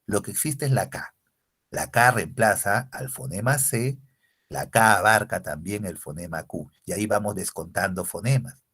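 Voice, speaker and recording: A man's voice: fairly low pitch, moderate pace, a bit bright, breathy edge. A man teaching a language lesson, explaining step by step and often checking with rhetorical questions. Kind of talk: recorded lecture.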